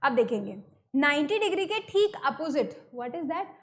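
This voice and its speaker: A woman's voice: sits high, big pitch swings, a little slow. An Indian woman teaching an online math lesson, explaining step by step and repeating key terms, mixing English words into her talk. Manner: mixes English terms into Hindi.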